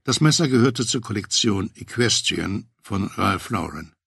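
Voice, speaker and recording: A man narrating a memoir audiobook in a steady, matter-of-fact first-person voice on a close mic. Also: fairly low pitch, measured pace, creaky, husky, no echo.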